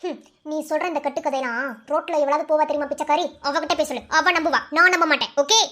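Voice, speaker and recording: A high, rapid cartoon girlfriend with a Madurai Tamil accent. She mocks and scolds with quick, sharp jabs. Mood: scolding. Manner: teasing, scolding, mocking. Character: sharp-tongued young woman scolding her boyfriend.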